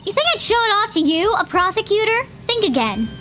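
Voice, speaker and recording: Woman reading as a haughty lunch lady witness, taunting, high, bright voice, game dialogue read aloud. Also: big pitch swings, brisk, exaggerated voice. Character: sharp-tongued adult female ex-detective lunch lady witness.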